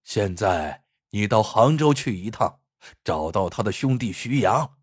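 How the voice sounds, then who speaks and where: A man voicing a stern, shrewd elderly mother-in-law who speaks slowly and heavily in a storybook reading. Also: on the low side, lively intonation, breathy edge, no room sound, clean studio sound, voice pushed down. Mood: grave, deliberate. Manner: slow, heavy, measured speech.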